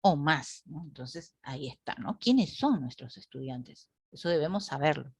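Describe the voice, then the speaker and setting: A woman's voice: low voice, lively intonation, normal speed, creaky, a little mellow, slightly rough, dry recording, studio quality. A woman teacher lecturing a class online, asking the group rhetorical questions and often adding "¿no?".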